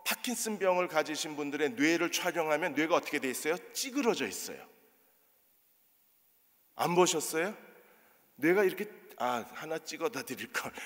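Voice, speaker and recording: Lively male pastor preaching in a church. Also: high voice. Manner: animated, asks the congregation rhetorical questions. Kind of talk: sermon. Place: church sanctuary. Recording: long church reverb.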